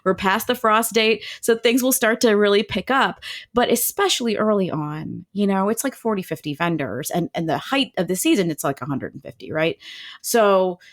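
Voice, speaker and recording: A woman, co-hosting a podcast in relaxed, chatty conversation, talking with enthusiasm and plenty of "like"s. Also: mid-range voice, normal speed. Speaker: podcast co-host. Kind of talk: casual chat.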